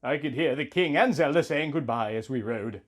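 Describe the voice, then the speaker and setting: Hosting a comedy reading series, this thirties-aged man delivers fan fiction as a melodramatic, mock-serious performance, stressing words for effect. His voice sits at medium pitch and keeps a normal speed.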